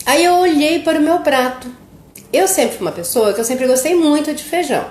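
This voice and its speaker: In a roomy, echoing space, a middle-aged woman streams live about children's nutrition, recounting a family story in a relaxed, talkative way. She often adds a questioning "né?" ("right?") to her sentences. Her high, darkish voice moves briskly with lively intonation.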